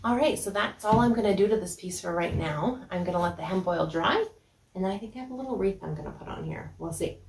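A woman's voice: lowish voice, quick pace, gravelly, a little mellow, reverberant, a little hiss or hum. Chatty woman demonstrating a DIY project. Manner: chatty, explains while working, frequent ums. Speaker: furniture upcycling host. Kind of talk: casual how-to demonstration. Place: small indoor workshop studio.

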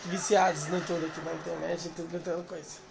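A man's voice: on the high side, flat delivery, quick pace, vocal fry, a crowd in the background, low-quality recording. A man filming his family at home on a phone, chatting playfully and doting on the family dog. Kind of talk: casual home video narration. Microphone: phone camera.

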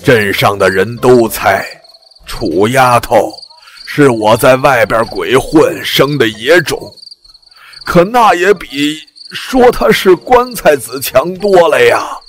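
A man voicing a blunt, plain-spoken village father telling an old secret in an audiobook, slow and homely. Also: medium pitch, lively intonation, slight background noise. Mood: confessing. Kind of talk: audiobook character reading.

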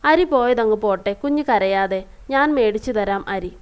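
A woman voicing a kind male rickshaw puller, speaking gently and reassuringly to a child. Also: medium pitch, moderate pace, smooth, natural voice.

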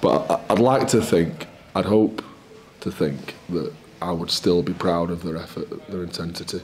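Candid, low-voiced coach at a press conference. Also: male voice, darkish tone, a little hiss or hum. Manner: candid, measured, upbeat about his team. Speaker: rugby head coach. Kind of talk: post-match press conference answers. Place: small indoor press room in front of a sponsor backdrop.

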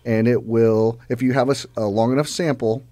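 A man's voice: mid-range voice, fairly even intonation, brisk, warm tone, dry recording, clean studio sound. A man co-hosting a podcast, telling stories loosely with lots of fillers. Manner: loose, filler-heavy storytelling. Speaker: podcast co-host. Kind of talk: casual podcast chat.

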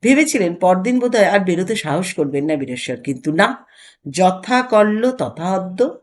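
A woman narrating a short story aloud in an expressive, dramatic storytelling style. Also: lowish voice, moderate pace.

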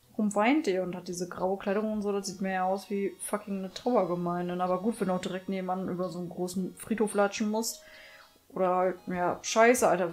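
A woman giving casual, sarcastic commentary while playing a game, swearing and grumbling a lot. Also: mid-range voice. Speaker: let's play streamer.

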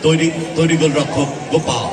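Excited man commentating football, echoey and distant. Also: fairly high pitch, fairly quick. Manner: excited, exclamatory calls in short repeated bursts. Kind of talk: live football penalty shootout commentary. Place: outdoor football ground. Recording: echoey distant PA, noisy outdoor crowd.

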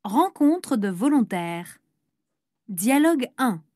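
A woman's voice: on the high side, big pitch swings, slow pace, a little mellow, no echo, clean studio sound. A woman reading announcements in a scripted language-course recording, carefully enunciated. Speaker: course audio narrator and speaker.

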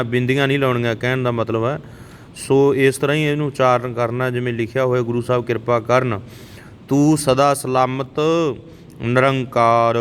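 A man teaching scripture pronunciation, reciting verses in a measured way and correcting words in quick asides. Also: a bit bright, smooth. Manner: slow measured recitation, brisk spoken corrections. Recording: reverberant hall, faint rumble.

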